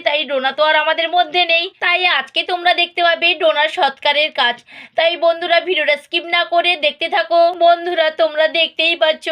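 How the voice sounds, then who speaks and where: Woman narrating a doll story vlog, high and flat, dull lo-fi sound. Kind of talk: doll puppet-show narration.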